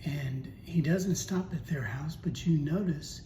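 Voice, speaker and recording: A man's voice: a little high, unhurried. A man giving a casual Bible teaching talk, telling a story and asking rhetorical questions. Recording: echoey room with steady noise.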